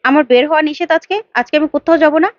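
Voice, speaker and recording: A woman's voice: high-pitched, racing, no room sound, muffled recording, lightly acted. A woman voicing a caring elder brother who speaks firmly and urgently, in a retold serial. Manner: urgent, firm.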